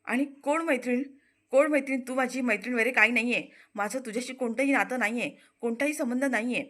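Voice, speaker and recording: A woman's voice: a little high, fast talker, close to an everyday voice. A woman doing an enraged young man. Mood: furious. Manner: furious, loud, repeating himself. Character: angry young man, shouting in a rage.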